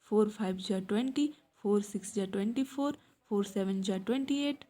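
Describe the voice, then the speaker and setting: A woman's voice: medium pitch, moderate pace, warm tone. A woman teaching a math class, asking the class questions and answering them herself, with frequent checks that they understood. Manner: frequent checks like "samajh mein aaya?".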